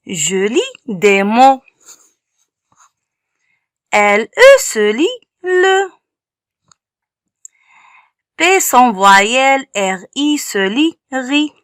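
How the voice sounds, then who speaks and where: A woman's voice: sits high, fairly bright tone, no room sound, studio quality. A woman teaching young children to read, sounding out letters and syllables one by one and stressing each sound. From Morocco. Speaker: primary school teacher. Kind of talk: slow phonics lesson for young children.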